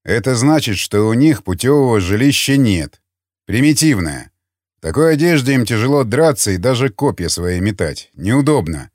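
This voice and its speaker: A man voicing a calm, commanding seasoned scavenger who speaks tersely and bluntly. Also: mid-range voice, moderate pace, no room sound, clean studio sound, lightly acted. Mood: matter-of-fact. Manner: terse, blunt, matter-of-fact.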